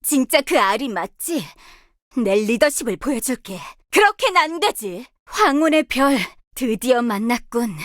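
Kai'Sa, a bold star guardian leader. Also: female voice, fairly high pitch, animated, measured pace, dry recording, clean studio sound. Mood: determined. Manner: bold, commanding battle quips. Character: young female star guardian warrior, confident team leader. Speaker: voice actress. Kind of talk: video game character voice lines.

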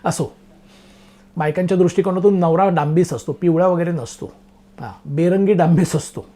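A man's voice: high-pitched, a little fast, mellow. A middle-aged man delivering a comic monologue in a wry, self-mocking, chatty way, talking straight to his listeners. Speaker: comic storyteller. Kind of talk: stand-up style comic monologue.

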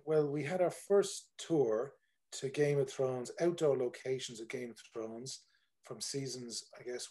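Speaking from indoors at home, this Irishman in his forties, who runs tours, chats loosely over a video call. His mid-range voice has a warm tone, and his talk wanders, full of fillers and false starts.

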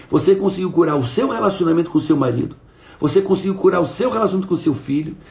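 A man's voice: on the high side, creaky, darkish tone. A middle-aged man teaching in a live stream, emphatic and repeating his phrases while he asks viewers to respond. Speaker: coach and live-stream host.

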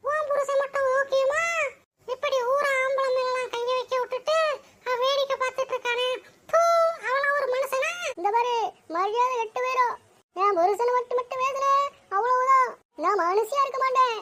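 A woman voicing several quarrelsome village women in a cartoon, with a scolding, shrill manner. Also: fairly even intonation, moderate pace, pushed and bright. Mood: quarrelling. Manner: scolding, high-pitched and shrill.

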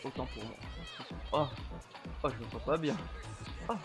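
A man's voice: mid-range voice, measured pace, over music. A young man giving casual gameplay commentary, playing drunk with slurred, rowdy outbursts and bursts of laughter.

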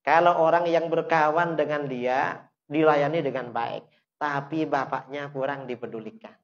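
A man preaching a sermon, asking the listeners questions and answering them himself, with emphatic bursts that rise sharply and then drop low. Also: fairly even intonation, normal speed. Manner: emphatic, rises sharply to stress points then drops low. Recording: dull lo-fi recording.

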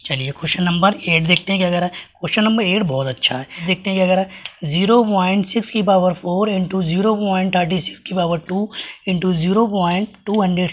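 A man with a high, hoarse voice that is giving out teaches a maths lesson, working patiently through each step and repeatedly asking the class rhetorical questions about what comes next. Hands write on paper, with the camera over the page.

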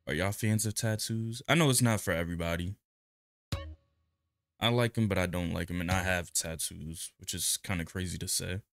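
A young man giving relaxed, slangy commentary while playing a video game. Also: low-pitched, moderate pace, gravelly, no echo. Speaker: gaming youtuber. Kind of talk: casual gameplay commentary.

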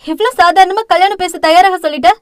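A woman's voice: very high-pitched, a little fast, no room sound, studio quality, pitched above the performer's own voice. A woman voicing a guilt-ridden young elder sister in an audio novel, speaking tearfully and blaming herself. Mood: anguished. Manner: tearful, pleading, self-blaming.

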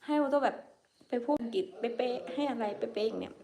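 A woman's voice: on the high side, fairly quick, vocal fry, mellow. A young woman whose first language is Akha, chatting casually and laughing as she hosts her own livestream. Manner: chatty, giggly, unashamed, calls herself by name. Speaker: livestream host.

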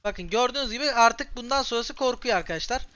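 A man in his twenties from Turkey giving excitable live commentary on his own gameplay and talking straight to his viewers. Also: extremely high pitch, fast, dull audio. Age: 20s. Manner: excitable, talks straight to viewers while playing. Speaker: gaming streamer.

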